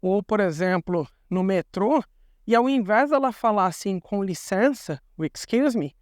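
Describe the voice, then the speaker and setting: A man's voice: high voice, expressive, normal speed, no room sound, studio quality. A young Brazilian man with a Brazilian Portuguese accent, explaining things in a chatty vlog and repeating words for emphasis. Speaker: vlogger.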